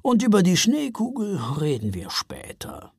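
A woman voicing a calm, friendly old Father Frost in a storybook reading, speaking slowly and gently. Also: medium pitch, gravelly, breathy edge, dry recording, clean studio sound, voice pushed up, heavily acted. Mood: kindly. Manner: slow, friendly.

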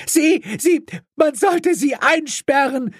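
A man's voice: very high voice, takes it slowly, no echo, clean studio sound, pitched above the performer's own voice. A male narrator voicing an outraged middle-aged father who sputters with indignation, in an audiobook.

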